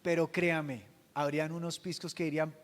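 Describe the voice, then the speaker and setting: A man preaching a sermon as pastor, asking the congregation questions and swinging from hushed to loud. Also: fairly high pitch, little pitch movement, a little fast, in a large hall. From Colombia.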